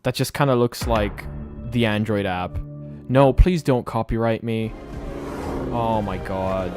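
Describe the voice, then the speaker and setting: A man's voice: lowish voice, unhurried, darkish tone, soft background music. A man giving sarcastic, joking reaction commentary over a live event, talking into a livestream headset microphone.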